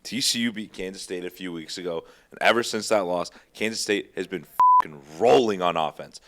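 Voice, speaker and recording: A man with a low voice talking sports in a loose, blunt way. He laughs often and swears freely as he talks picks with friends. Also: normal speed, bright, forceful tone. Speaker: podcast co-host. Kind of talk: casual sports chat.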